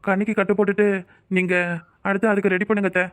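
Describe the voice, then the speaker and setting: A woman's voice: mid-range voice, flat delivery, fast, pitched below the performer's own voice, natural voice. A woman with a Kanyakumari Tamil accent voicing a caring, worried young man in a cartoon, pleading and reproachful.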